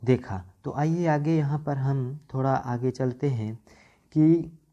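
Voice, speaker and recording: Slow, dark-voiced man teaching grammar. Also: mid-range voice. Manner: slow, repeats syllables and checks "ठीक" often. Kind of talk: Hindi grammar lesson at a board. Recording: dull lo-fi sound.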